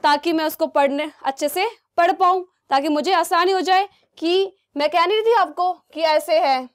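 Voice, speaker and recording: A woman's voice: extremely high pitch, moderate pace. A young woman teaching a math lesson to children, coaxing the class with constant check questions. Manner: asks many check questions, coaxing and repetitive.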